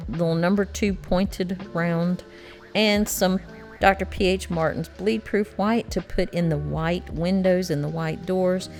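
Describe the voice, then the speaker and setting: A woman's voice: fairly low pitch, darkish tone. A middle-aged woman with a Southern accent, chatting through a watercolor painting tutorial in a folksy, encouraging way. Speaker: watercolor art teacher.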